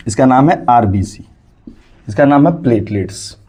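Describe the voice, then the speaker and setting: A man's voice: mid-range voice, animated, normal speed, mellow, slightly rough. A young male teacher giving a classroom lecture, often asking the class questions and acting out the body with sound effects.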